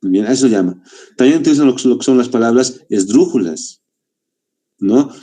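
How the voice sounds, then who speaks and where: A man's voice: medium pitch, expressive, mellow. A man from Bolivia teaching a literature lesson to exam applicants, explaining step by step with rhetorical questions and many tag questions. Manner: deliberate, stretches key words slowly.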